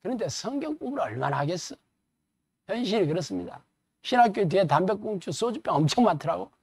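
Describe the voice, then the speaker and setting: A man preaching a sermon lecture as a pastor, animated and colloquial, firing rhetorical questions at the audience. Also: sits high, quick pace, breathy edge, no room sound.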